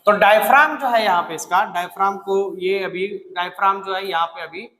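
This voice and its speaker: A man teaching a classroom lesson in a very high, sharp voice that rings through an echoey room with a long reverb tail. He dictates slowly, keeps urging students to answer, and scolds them bluntly. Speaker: biology teacher. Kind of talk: classroom lecture.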